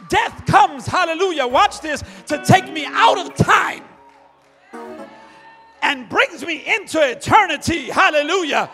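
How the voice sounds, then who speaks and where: A middle-aged man preaching a fervent sermon in a church, shouting and calling out hallelujah again and again. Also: very high voice, gravelly. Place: church sanctuary. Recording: long church reverb with faint music.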